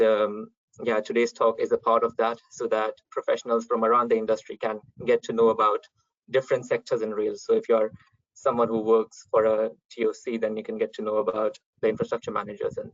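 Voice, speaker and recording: Young male webinar host, monotone, casual with fillers, dull dry call audio. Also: mid-range voice, no room sound. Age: young adult. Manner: relaxed, many ums. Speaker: event host, chairman. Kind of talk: online webinar introduction.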